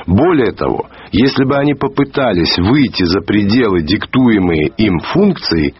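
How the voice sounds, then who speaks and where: Husky man reading, dull archive radio. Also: fairly low pitch, no room sound. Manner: measured, slows to stress key words. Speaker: writer reading a literary review. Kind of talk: read literary commentary.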